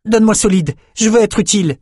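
A man's voice: fairly high pitch, moderate pace, mellow, slightly rough, no echo, studio quality, pitched above the performer's own voice. Man voicing an urgent young prisoner. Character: young male prisoner, eager, loyal to friends.

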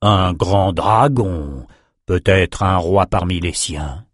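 A man voicing a self-assured old male wizard in an audiobook, speaking slowly and deliberately. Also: deep voice, no echo, clean studio sound. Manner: slow, deliberate.

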